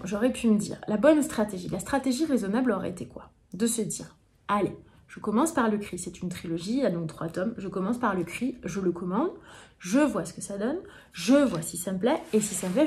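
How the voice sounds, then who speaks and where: A young woman from France talks casually to camera about her books. Her voice is mellow and low in brightness, and she sounds tired and yawning. Her speech meanders, full of hesitations and restarts. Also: a little hiss or hum. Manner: chatty, with frequent hesitations and restarts. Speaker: book vlogger. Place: home, indoors in the evening.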